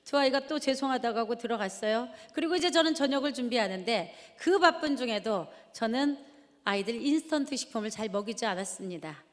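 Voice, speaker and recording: A woman's voice: on the high side, a little fast. A middle-aged woman from Jeonju, giving a storytelling testimony sermon and asking the audience questions as she acts out scolding. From Jeonju, South Korea. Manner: animated, asks the audience questions and acts out shouting at her children. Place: large church hall. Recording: reverberant large hall.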